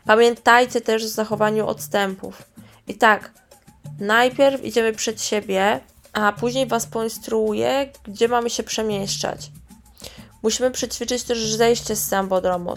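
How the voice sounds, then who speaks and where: A woman voicing a male samba troupe coordinator who gives loud, instructive orders to dancers. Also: sits high, fairly even intonation, moderate pace, soft background music. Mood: instructing.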